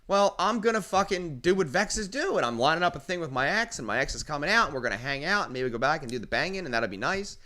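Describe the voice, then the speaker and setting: A man on a podcast spins a profane story. His voice is bright and swings widely up and down, and he plays out each quote at full volume. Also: fairly high pitch, fast, hardly any pauses. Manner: profane, animated, acts out quotes loudly. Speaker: podcast host. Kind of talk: casual storytelling chat.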